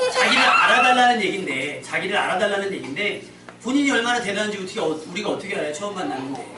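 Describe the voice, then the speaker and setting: A man's voice: high-pitched, bright, forceful tone. A male pastor giving a joking, conversational sermon and leading call-and-response with his congregation. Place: church sanctuary. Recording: echoey church from far off, with noise.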